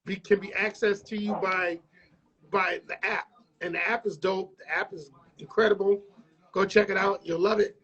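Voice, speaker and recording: A man's voice: high voice, fairly even intonation, moderate pace, a bit bright. A man hosting a casual radio interview, loose and joking. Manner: loose, joking, rambling with cursing. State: frog in his throat. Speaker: radio host and DJ. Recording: muffled livestream audio.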